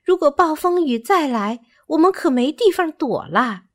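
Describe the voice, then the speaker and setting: A woman's voice: sits high, expressive, moderate pace, pitched above the performer's own voice. A woman reading a storybook aloud and voicing a wise, cautious male bird who gives careful advice. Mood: worried. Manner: advising, careful.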